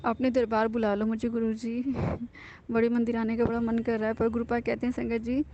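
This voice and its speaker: High, mellow-voiced woman giving earnest thanks. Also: monotone, fairly quick, muffled recording, slight background noise. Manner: earnest, confiding, with frequent fillers and restarts. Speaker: devotee sharing a testimony. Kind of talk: personal devotional testimony, casual.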